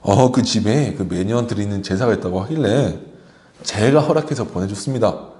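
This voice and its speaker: A calm young prince answers his friend in an easy, trusting way, as a man acts him out during a children's sermon. The voice drops a little lower and stays casual and reassuring. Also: moderate pace, natural voice.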